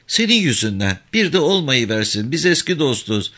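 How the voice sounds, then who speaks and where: A man's voice: medium pitch, sing-song, moderate pace, pushed and bright, voice pushed up. A man reading a novel aloud, voicing a brash, teasing woman who hosts guests with bossy banter. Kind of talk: audiobook character reading.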